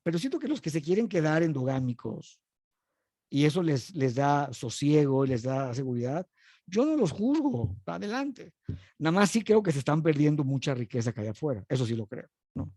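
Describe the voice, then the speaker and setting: A man's voice: on the high side, very animated, normal speed, warm tone, no echo, clean studio sound. A man with a Mexican accent, a filmmaker guest on a panel, speaking reflectively and ending phrases with a questioning tag. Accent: Mexican Spanish. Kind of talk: casual panel discussion.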